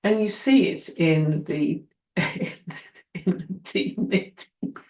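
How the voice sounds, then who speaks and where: A woman who trains occupational therapists gives an earnest, encouraging, casual talk to newcomers, acting out the people she quotes. Her lowish, slightly mellow voice moves extremely slowly, and the recording has a roomy echo.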